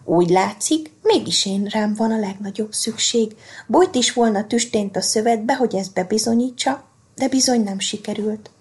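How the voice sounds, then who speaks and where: Storybook figure: self-important thread spool, scornful, husky, read by a woman. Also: medium pitch, a little mellow. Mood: smug. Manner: scoffing, smug.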